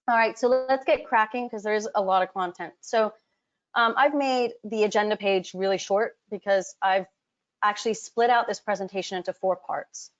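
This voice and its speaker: A woman from Hong Kong working as a business advisor, presenting a live webinar. She talks in a chatty, direct way, speaks to her audience often and fills her pauses with ums. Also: mid-range voice. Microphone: computer mic on a web call, camera off. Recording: dull lo-fi webinar audio.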